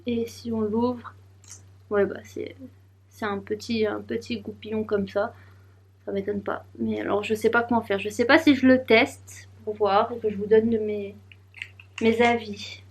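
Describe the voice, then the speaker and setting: A woman's voice: mid-range voice, fairly even intonation, a little slow, breathy edge. A young woman vlogging casually, chatting and giggling as she unboxes and rambles aloud. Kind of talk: casual vlog chat.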